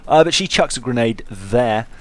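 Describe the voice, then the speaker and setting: A man's voice: medium pitch, lively intonation, normal speed, slight background noise. A hungover man giving casual video game commentary, informal and stumbling over his words as he corrects himself. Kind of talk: casual let's-play commentary.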